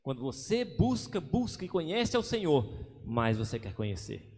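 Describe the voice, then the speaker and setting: A man's voice: on the high side, big pitch swings, moderate pace, darkish tone, breathy edge. A man preaching a sermon as pastor, acting out little everyday scenes as he goes. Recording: long hall reverb.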